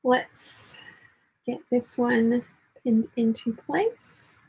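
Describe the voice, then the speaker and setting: A woman hosting a casual live sewing hangout, talking through her work and chatting along, with a slightly husky voice. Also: a little high, expressive, drawn-out words, a little mellow, rough recording. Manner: muttering commentary while working; reads chat messages aloud. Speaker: sewing livestream host.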